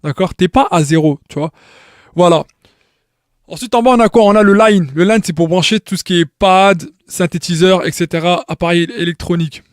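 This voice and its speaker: At a moderate pace, a high-sitting male voice delivers an informal tutorial, recorded with clean studio sound and no echo. He goes step by step, with many restarts and repeated words, pausing to check in with the viewer.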